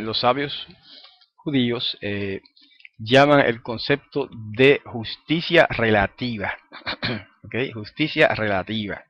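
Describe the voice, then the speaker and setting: A man of middle pitch leads a scripture study lesson in a steady teaching voice. He reads verses out slowly and with weight, then explains them in a relaxed classroom way, stopping often to check that his listeners are following. The sound is dry and close, with almost no room echo. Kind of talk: Bible study lecture.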